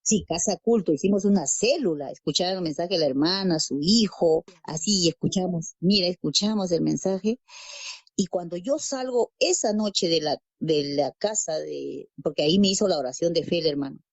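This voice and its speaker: In a dry recording, a woman with a lowish voice speaks at a normal pace as she tells how she came to faith. She is a Peruvian mother or father figure, an adult parent, appearing as a guest, and she narrates with acted-out dialogue and repeated phrases.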